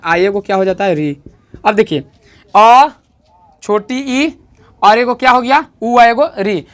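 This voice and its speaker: Teacher drilling vowel lengths. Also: male voice, very high voice, a bit bright. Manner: repetitive, checks understanding often; stretches out sounds to demonstrate vowel length. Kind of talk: online grammar lesson.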